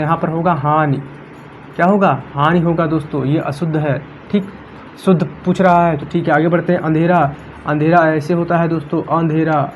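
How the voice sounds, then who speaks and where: A man with a slightly high voice explains grammar questions for an exam, going over every option twice in a steady, repetitive way. The recording sounds dull and lo-fi, with a faint hiss underneath. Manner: repetitive, addresses viewers as friends, walks through options step by step. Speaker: exam-prep teacher. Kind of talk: casual classroom explanation.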